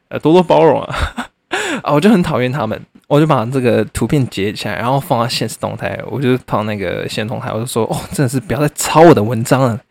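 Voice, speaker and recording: Fast, animated young man. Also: medium pitch, vocal fry, dry recording. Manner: animated, blunt, swears, laughs often. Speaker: podcast host. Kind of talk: casual storytelling monologue.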